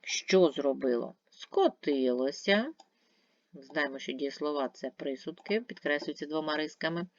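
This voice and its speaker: A woman's voice: deep voice, a little fast, gravelly, few pauses, no room sound, muffled recording. A woman teacher giving a video grammar lesson, patiently asking and answering her own questions step by step. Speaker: primary school teacher.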